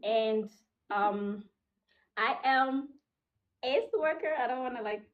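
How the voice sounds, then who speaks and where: A woman's voice: on the high side, takes it slowly. A woman in her twenties from Rwanda, calling into a show and speaking hesitantly, with lots of fillers. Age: 20s. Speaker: caller. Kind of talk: casual call-in talk. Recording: dull call audio.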